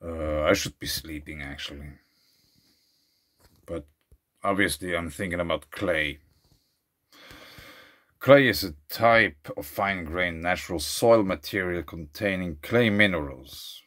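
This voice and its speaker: A low-voiced vlogger from Switzerland muses aloud in a casual monologue at a lakeside beach outdoors. He reads out facts, then rambles off into asides as he thinks aloud, speaking a little slowly with long pauses in a fairly bright tone.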